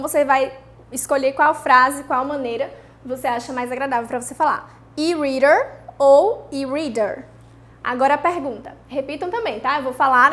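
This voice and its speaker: A high-pitched woman with a Brazilian Portuguese accent leads a recorded English lesson. She draws out each English word slowly as a model for repetition and keeps checking in with her students. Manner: slow, drawn-out model pronunciation of English words for repeating; checks in often with "certo?" and "né?". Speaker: English teacher.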